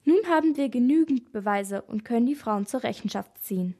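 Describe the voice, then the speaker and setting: Woman reading a stern older policeman, formal, firm, high voice, children's story. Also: expressive, brisk, dark tone. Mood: explaining.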